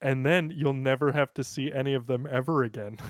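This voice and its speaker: Joking around as a podcast co-host, an American man rattles off sports names in casual chat. He speaks fairly quickly at a medium pitch with fairly even intonation.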